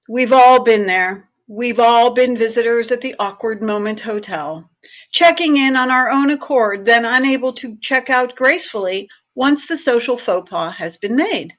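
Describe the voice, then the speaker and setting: Reading a funny short piece for a library audience, this staff host gives her lines playful, theatrical weight. Her voice sits fairly high and carries a slight brightness.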